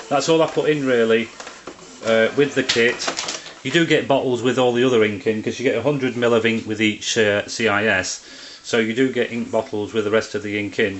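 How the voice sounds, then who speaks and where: A man's voice: fairly low pitch, a bit bright, a little hiss or hum. A man presenting an informal how-to video, explaining hands-on work in a plain-spoken, step-by-step way. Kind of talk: informal hands-on tutorial narration. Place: indoors beside a printer.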